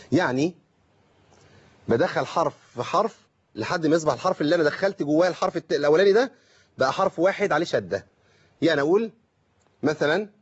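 A man with an Egyptian accent, teaching Quran recitation on a call-in lesson and explaining through rhetorical questions and slowly drawn-out examples. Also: fairly high pitch, husky, highs cut off.

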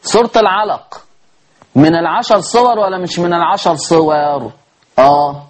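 A man with an Egyptian accent teaching a tajweed lesson on Quran recitation. He asks his listeners rhetorical questions and chants the verses slowly. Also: sits high, animated. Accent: Egyptian Arabic.

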